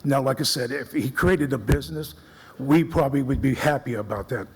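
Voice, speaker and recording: A man's voice: mid-range voice, brisk, breathy edge. A man speaking at a city council citizens forum, earnest and repetitive, restarting his sentences often. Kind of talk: public comment speech. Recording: echoey council chamber.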